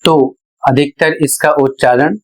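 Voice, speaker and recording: A man's voice: on the high side, fairly even intonation, measured pace, poor audio. A man giving a pronunciation lesson, spelling out words letter by letter and explaining each one. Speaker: English teacher.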